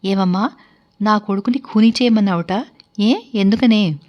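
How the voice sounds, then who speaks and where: A woman voicing an angry middle-aged father who loudly demands answers, in a storybook reading. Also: medium pitch, fairly even intonation, fairly quick, natural voice. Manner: roaring, accusing. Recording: dull lo-fi recording.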